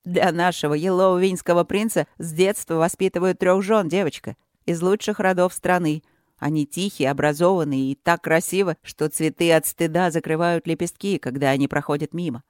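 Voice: medium pitch, fairly even intonation, normal speed, no room sound, studio quality, lightly acted. A reader voicing an arrogant, curt young novice in an audiobook, speaking with scorn. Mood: scornful. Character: haughty, curt young novice monk, man. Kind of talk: audiobook character voice.

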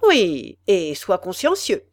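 A woman voicing a cruel, greedy male executioner who haggles over a body, with haughty, loud outbursts. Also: fairly low pitch, wildly swooping pitch, slow pace, no room sound, clean studio sound, heavily acted. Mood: haggling.

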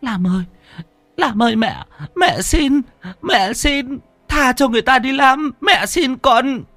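A man's voice: very high voice, animated, slow pace, bright, forceful tone, dry recording, voice pushed up, full character voice. A man voicing a frail old mother who begs and weeps in a wailing voice. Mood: tearful pleading. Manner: wailing, tearful begging.

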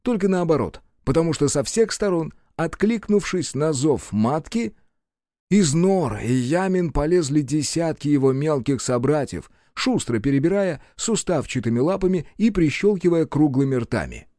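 A man reading scripted narration for an audiobook in a lively, expressive way. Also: on the high side, moderate pace, no room sound, studio quality.

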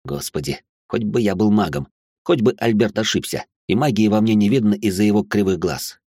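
A man's voice: lowish voice, fairly quick, mellow, slightly rough, no echo, clean studio sound. A man narrating an audiobook in a wry, sardonic first-person voice. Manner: wry, sardonic inner monologue.

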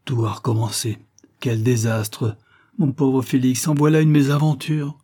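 A man reading an audiobook, voicing a fussy, excitable middle-aged male physicist who exclaims in a raised, higher voice. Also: measured pace, lightly acted. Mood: exasperated.

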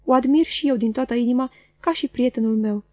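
A woman voicing a self-assured young gentleman who speaks in a smooth, mocking way, in a storybook reading. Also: a little high, no room sound, lightly acted. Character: suave, confident young gentleman.

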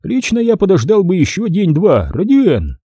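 A sneering, depraved middle-aged major from a crime audiobook, as a male narrator puts him on, raised well above the reader's own pitch. His tone is husky and dark, swinging widely between mocking lilts and sharp commands. The dry, close recording keeps every sneer up front. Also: huge pitch swings, normal speed, no echo, heavily acted. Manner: ironic, condescending.

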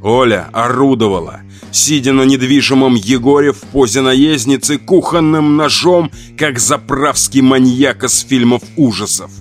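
A man's voice: medium pitch, a little slow, few pauses, faint music behind. A man reading a first-person horror audiobook in a somber, tense storytelling manner. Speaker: audiobook narrator.

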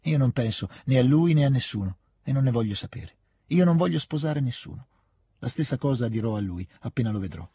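A man voicing an excitable, earnest fifteen-year-old girl in an audiobook reading, with lively, insistent outbursts. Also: medium pitch, a little fast, husky, no echo, studio quality.

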